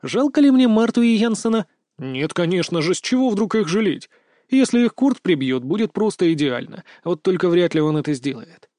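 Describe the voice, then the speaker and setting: A man's voice: high-pitched, expressive, normal speed, dark tone, no room sound, studio quality. A man narrating first-person fiction as an audiobook reader, in a wry, smug manner.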